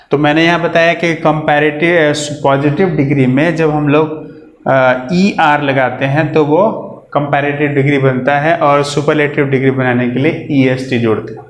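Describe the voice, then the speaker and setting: Male grammar teacher, slightly high voice, patient step-by-step explainer who quizzes the class, recorded in a roomy space.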